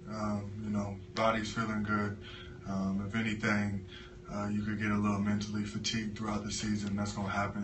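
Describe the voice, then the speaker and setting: After a losing game, a young college basketball player with a lowish voice takes press questions, answering in a halting, measured way packed with fillers. A camera on the floor records him from far away as he speaks into a table mic in a press room with a sponsor backdrop, and the room sounds echoey and noisy.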